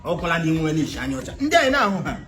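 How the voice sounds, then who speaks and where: A man's voice: a little high, big pitch swings, racing, echoey room, far from the mic, over music. A man in a comedy skit, exclaiming and teasing. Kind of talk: comedy skit, mostly in Igbo.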